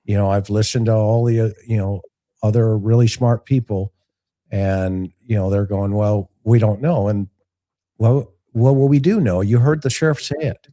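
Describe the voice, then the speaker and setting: A man's voice: lowish voice, fairly even intonation, moderate pace, dark tone. A man hosting a live call-in show, giving casual, opinionated commentary in a blunt, folksy way with rhetorical asides. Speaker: talk show host and investigator.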